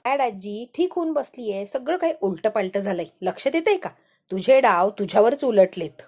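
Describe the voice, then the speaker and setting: A woman's voice: mid-range voice, expressive, moderate pace, darkish tone. A woman voicing a spoiled young woman who taunts and scolds her grandmother with heated mockery. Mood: scornful. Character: spoiled, sharp-tongued young woman, scornful.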